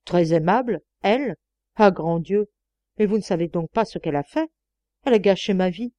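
A woman's voice: medium pitch, measured pace, mellow, no echo, natural voice. Woman reading as a stammering lecherous old master. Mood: indignant. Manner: stammering, pleading. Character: lecherous stammering older male employer.

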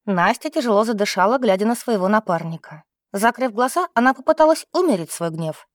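Female audiobook narrator, fairly high voice. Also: lively intonation, brisk, dry recording, studio quality. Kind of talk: scripted narration.

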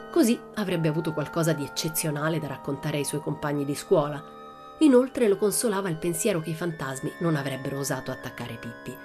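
A woman reading a children's story aloud as an audiobook in a lively, expressive storytelling manner. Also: low-pitched. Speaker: audiobook reader.

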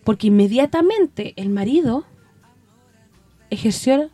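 A middle-aged Chilean woman telling stories on community radio in a casual, animated way, acting out the voices of the people she quotes. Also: on the high side, measured pace, dry recording, soft background music. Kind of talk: casual conversational storytelling.

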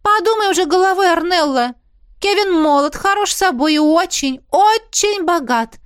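A woman doing a gushing, pushy mother. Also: normal speed. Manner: excited chatter, high and sing-song. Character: vain gushing middle-aged mother, fussy and pushy. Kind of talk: audiobook character voice.

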